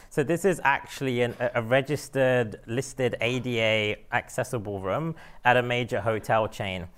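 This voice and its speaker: Speaker, male, 30s, London accent; smooth, resonant voice, chatty talk with restarts. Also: mid-range voice. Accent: London English. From London, England. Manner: conversational, with frequent fillers and restarts. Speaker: guest speaker. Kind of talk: casual lecture talk.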